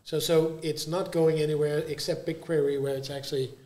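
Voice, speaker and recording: A man with a fairly high voice explains things conversationally, restarting and repeating words as he goes. He reaches for simple everyday images. The recording is echoey, from a live event room. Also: flat delivery, fairly quick, mellow. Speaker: guest panelist. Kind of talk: casual panel chat. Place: live conference venue.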